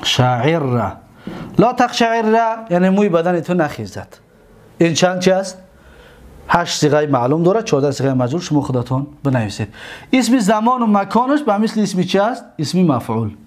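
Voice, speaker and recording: A man with a Tajik accent teaching grammar, drawing out and repeating each word form slowly for his students. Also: high-pitched, very animated. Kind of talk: grammar lecture.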